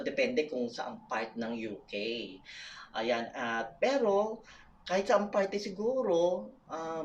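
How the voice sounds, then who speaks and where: A woman's voice: low-pitched, far from the mic, a little hiss or hum. A woman from the Philippines with a Filipino accent, chatting casually to her viewers, laughing often and calling out to them. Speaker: vlogger. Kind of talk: casual vlog chat.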